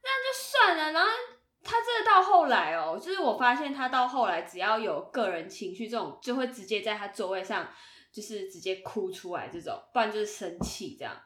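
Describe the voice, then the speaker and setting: A young woman chatting casually on a podcast, telling a story in an animated way and acting out what people said. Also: medium pitch, a little fast, reverberant. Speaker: podcast co-host. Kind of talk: casual chat.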